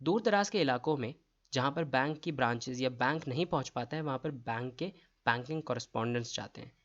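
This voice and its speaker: Man, quiz tutor, reads out questions and answer options, explains each answer, mid pitch, muffled lo-fi sound. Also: a little fast, fairly bright tone. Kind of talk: exam-prep quiz lesson.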